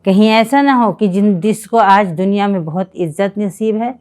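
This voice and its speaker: A woman giving a religious lecture on a Quran chapter, speaking in earnest, measured exhortation with repeated phrases. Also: mid-range voice, darkish tone.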